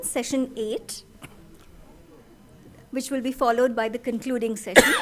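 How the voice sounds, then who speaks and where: Brief: female moderator, slightly high voice, polite formal intro. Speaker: session moderator.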